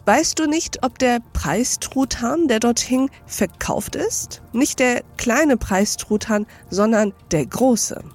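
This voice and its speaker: A woman voicing a gleefully reformed elderly male miser with an excited, chuckling delivery in an audiobook reading. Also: fairly high pitch, slow pace, hardly any pauses, breathy edge, faint music behind, heavily acted.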